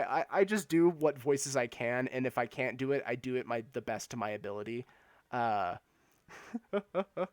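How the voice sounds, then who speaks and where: A gaming streamer with a medium-pitched male voice, recorded clean in a studio with no room sound. He chats casually with viewers while playing live, giggling often and stammering, repeating words as he talks.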